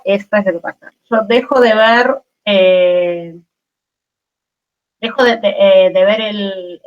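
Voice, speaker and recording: Teaching chemistry online, this Argentine Spanish–accented woman keeps things informal and talkative at a medium pitch. Fillers pad her speech, and she regularly checks on how her students are doing. Her voice comes through a video call with muffled, low-fidelity sound.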